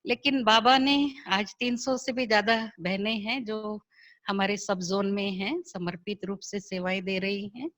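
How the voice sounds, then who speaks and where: A woman's voice: medium pitch, a little slow. A middle-aged woman telling her personal spiritual story over a video call, acting out the voices of people she quotes. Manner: lively, acts out quoted dialogue. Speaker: spiritual sister sharing her experience.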